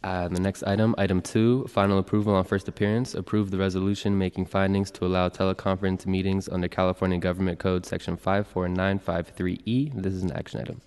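Low-voiced guy clerking a public meeting, reads everything out steady and flat-out businesslike, big reverby room. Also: fast, few pauses, smooth. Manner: steady, businesslike reading of roll calls and announcements. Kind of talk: formal public meeting proceedings. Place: large legislative chamber. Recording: long reverb of a large chamber.

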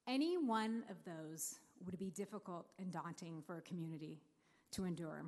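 A woman giving a prepared, heartfelt speech at a civic celebration, slow and deliberate, close to tears at times. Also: on the low side, darkish tone. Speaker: speaker introducing the mayor. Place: large hall on stage. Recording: long reverb of a large hall.

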